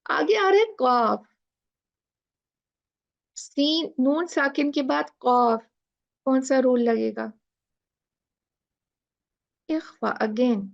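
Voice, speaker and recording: A woman's voice: high-pitched, creaky, dull audio. A woman teacher explaining recitation rules in a class, asking questions and drawing out letter sounds. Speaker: tajweed teacher.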